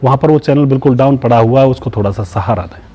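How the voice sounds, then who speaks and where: A man's voice: mid-range voice, fast talker, dark tone, slight background noise. A man hosting a YouTube channel, retelling a true crime story and often addressing the viewers as friends, then moralizing and asking for their views. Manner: moralizing, asks viewers for opinions.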